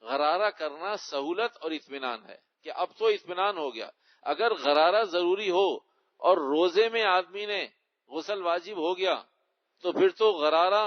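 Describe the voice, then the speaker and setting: Man explaining religious rulings, lo-fi. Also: high-pitched. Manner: explanatory, repeats key words and rulings for emphasis. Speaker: Islamic scholar answering questions. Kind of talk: religious Q&A lecture. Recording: dull lo-fi recording.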